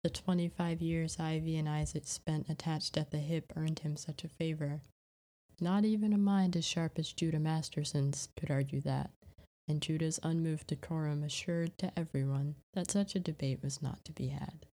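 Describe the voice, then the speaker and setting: Low, mellow woman narrating a story. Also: steady tone, moderate pace.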